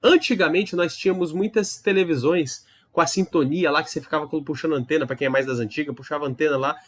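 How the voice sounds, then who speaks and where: A man's voice: a little high, fast talker. A man teaching a recorded Hebrew lesson, explaining patiently, demonstrating sounds and checking in with his students often. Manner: explains patiently with many tag questions and demonstrations.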